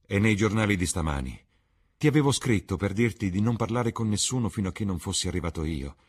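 A man voicing a worldly, cynical male aristocrat, calm and persuasive, in an audiobook reading. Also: fairly low pitch, quick pace, breathy edge. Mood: grave. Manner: suave, composed, persuasive.

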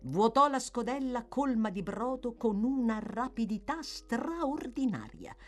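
A woman narrating a classic novel as an audiobook, in an expressive, measured reading. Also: on the high side, faint music behind. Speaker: audiobook reader.

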